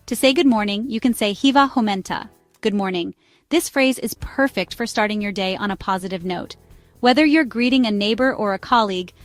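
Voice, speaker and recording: A woman giving a scripted travel phrase lesson in an upbeat tone, repeating words slowly so listeners can practice. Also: a little high, dry recording. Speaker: language tutor. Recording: dry close mic with faint music.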